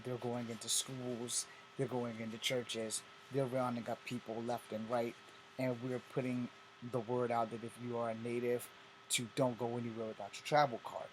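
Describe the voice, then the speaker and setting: Fifty-something man from Virginia, blunt cursing vlogger, slight background hiss. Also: medium pitch. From Virginia, USA. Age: 50s. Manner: blunt, profane, repetitive. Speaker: vlogger host. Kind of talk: casual ranting vlog.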